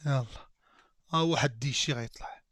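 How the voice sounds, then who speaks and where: A man's voice: medium pitch, fairly quick, a bit bright. A man with a Moroccan accent hosting a live stream, bantering and teasing a caller in casual chat.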